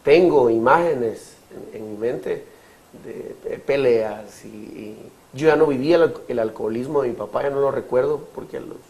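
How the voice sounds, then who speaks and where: A Guatemalan man in his thirties giving his testimony in an interview, speaking haltingly with many fillers and restarts. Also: medium pitch, a little mellow, poor audio. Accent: Guatemalan Spanish. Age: 30s. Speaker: interview guest.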